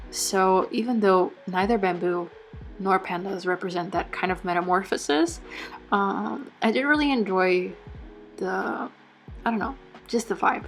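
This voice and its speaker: A bullet journal vlogger with a cold chats casually as she goes through her journal setup. She isn't a native English speaker, and her voice is medium-pitched and a bit bright. She relies on plenty of fillers and frequently corrects herself.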